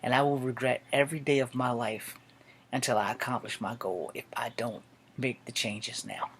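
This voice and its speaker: A man's voice: mid-range voice, steady tone, moderate pace, a bit bright, a little hiss or hum. A man in his late forties, an army veteran, speaking a blunt, profane and defiant personal monologue to camera. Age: 40s.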